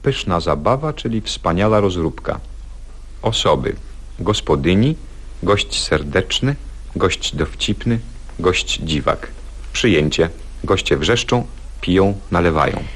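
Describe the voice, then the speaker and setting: A man narrating a radio comedy sketch, reading its stage directions in a dry, deadpan manner. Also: sits low, slow.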